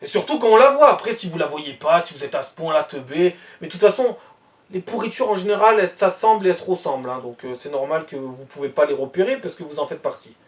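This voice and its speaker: A man's voice: fairly high pitch, fast, far from the mic. A man ranting bluntly and heatedly in a monologue, repeating himself as he reacts to the news.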